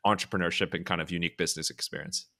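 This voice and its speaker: A man's voice: low-pitched, fairly even intonation, very fast, vocal fry, pushed and bright. A man hosting a casual interview in a jokey, informal way. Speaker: interview host.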